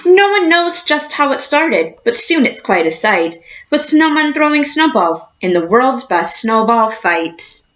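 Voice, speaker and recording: A woman reading a picture book aloud like a teacher, expressive and encouraging, addressing young children. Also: high voice, measured pace, hardly any pauses, highs cut off. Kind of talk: storybook read-aloud with questions to a class.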